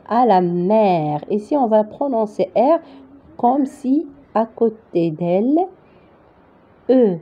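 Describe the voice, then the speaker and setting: Slow woman spelling out French. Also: mid-range voice. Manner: spells syllables letter by letter, asks "d'accord?". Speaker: French reading teacher. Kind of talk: slow spelled-out reading lesson. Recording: dull lo-fi home recording.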